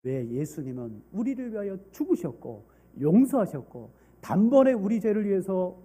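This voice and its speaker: A male pastor preaches with lively, rising and falling delivery, pausing to quiz the congregation. His voice sits high yet mellow, with a husky grain. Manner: animated, questioning the congregation. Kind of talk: sermon with storytelling.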